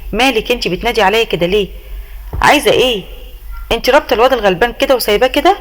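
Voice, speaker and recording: A woman's voice: on the high side, rapid-fire, close to an everyday voice, rough recording. A woman voicing a nagging, indignant older mother-in-law who scolds and curses, in an Egyptian accent. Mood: scolding. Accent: Egyptian Arabic. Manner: scolding, exclaiming, cursing.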